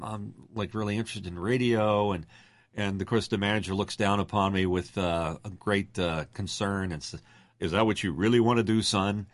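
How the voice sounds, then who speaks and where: A man's voice: deep voice, fairly bright tone, dry recording. A middle-aged man, a radio announcer, telling stories in a casual interview with a projected announcer delivery.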